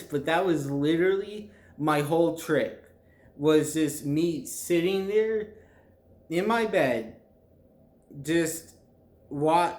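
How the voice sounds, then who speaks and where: Young guy just chatting to viewers, slow and rambly, keeps hunting for words, echoey room. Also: fairly high pitch. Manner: halting, rambling, groping for words. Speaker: vlogger telling a personal story. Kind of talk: casual chat to viewers.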